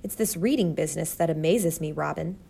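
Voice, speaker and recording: Woman reading as an amiable young male mouse, easygoing, low, slight fry, storybook. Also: fairly quick, dark tone, exaggerated voice. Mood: friendly.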